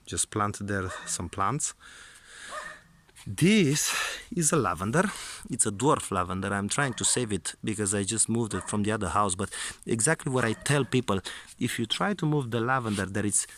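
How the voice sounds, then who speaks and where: A man's voice: fairly low pitch, animated, normal speed, fairly bright tone. A man giving a casual, unscripted garden tour outdoors, hesitant and often repeating his words as he goes. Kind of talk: casual unscripted vlog narration. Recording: clear background noise outdoors.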